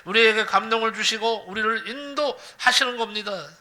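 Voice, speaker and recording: Male pastor, high voice, storytelling sermon, repeats key phrases. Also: normal speed. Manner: lively, repeats phrases, asks the congregation questions.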